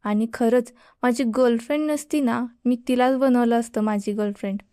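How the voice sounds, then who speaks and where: A woman doing a cheeky teenage boy, teasing, boastful, smooth higher voice. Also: steady tone, normal speed, mellow, no echo, studio quality, close to an everyday voice.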